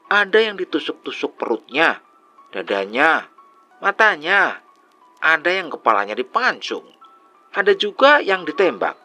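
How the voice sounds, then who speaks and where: A man's voice: fairly high pitch, pushed and bright, voice pushed up, full character voice. A man voicing a young male worker at a tourist site, chatty and easily frightened, in a storytelling dialogue.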